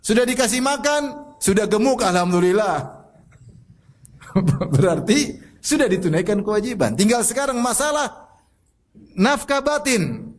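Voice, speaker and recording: A middle-aged man preaching a sermon, pressing the listener with repeated rhetorical questions and telling personal stories with a soft laugh. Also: high-pitched, big pitch swings, unhurried. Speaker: Islamic preacher.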